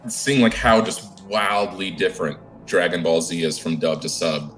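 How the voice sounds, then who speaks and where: A man with a very deep voice chats casually on a stream. He muses thoughtfully and slips in jokes. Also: fairly even intonation, moderate pace, a bit bright, slight background noise, low-quality recording. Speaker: podcast co-host. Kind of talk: casual anime chat.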